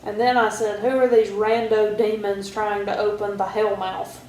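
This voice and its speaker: A woman's voice: medium pitch, moderate pace. Woman, casual co-host, wry remarks, faint hiss behind. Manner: relaxed, wry, reads out her own notes. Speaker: podcast co-host. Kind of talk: casual chat. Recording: roomy echo, faint background hiss.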